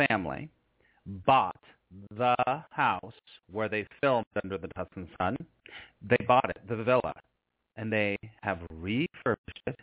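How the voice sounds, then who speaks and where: A man hosting a live radio show in a chatty, effusive way, often repeating phrases for emphasis. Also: mid-range voice. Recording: phone-like band, roomy echo.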